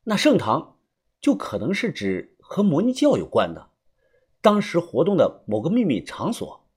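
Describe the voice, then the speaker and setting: A man's voice: on the high side, moderate pace, breathy edge. A man reading a novel aloud in the first person, colloquial and wry. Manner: colloquial and wry, with lively rises. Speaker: audiobook narrator.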